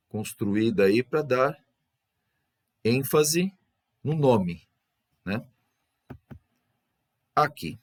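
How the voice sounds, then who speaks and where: Man teacher, lively up-and-down pitch, checks in with a tag question after each point. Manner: explains step by step, tag questions after nearly every phrase. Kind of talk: exam review lesson.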